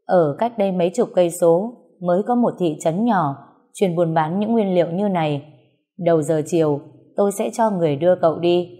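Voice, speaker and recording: A woman voicing a greedy, suspicious older male gang boss who gives orders in a gruff way, in a storybook reading. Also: on the low side, dark tone, close to an everyday voice.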